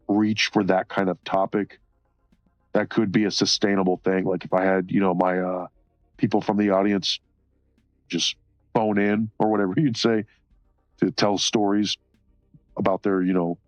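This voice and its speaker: A man's voice: fairly low pitch, fairly even intonation, normal speed, pauses often, dry recording. A man streaming while he colors, chatting casually, rambling and swearing, often laughing and reading chat aloud. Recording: slightly dull sound, faint music behind.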